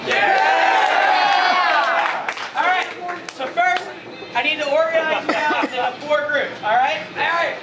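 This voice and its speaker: A young man, a camp staff song leader, loudly shouting instructions and chants to a group in a restaurant. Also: very high-pitched, a little slow, pauses often, a crowd in the background, noisy background. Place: large indoor restaurant, crowded. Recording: echoey restaurant, far from the mic.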